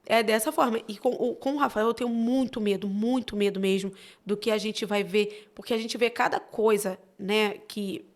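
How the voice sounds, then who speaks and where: A woman with a Brazilian accent, a guest on a church podcast, telling family stories in a lively, expressive way. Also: mid-range voice, moderate pace. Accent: Brazilian Portuguese. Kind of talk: casual storytelling chat.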